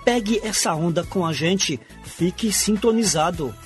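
A man's voice: high-pitched, animated, unhurried, soft background music. A man hosting a radio programme, presenting from a script.

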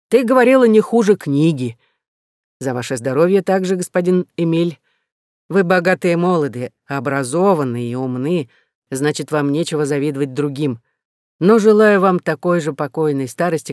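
A man reading a novel aloud, voicing a kindly, sentimental elderly count with a warmly effusive manner. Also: fairly high pitch, no echo, clean studio sound, close to an everyday voice.

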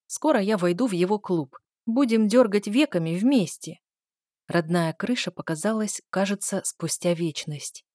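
A woman narrates an audiobook in the first person. Her voice sits at a middle pitch and tells the story in a lively way. The recording is dry and close, with no room sound. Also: no room sound.

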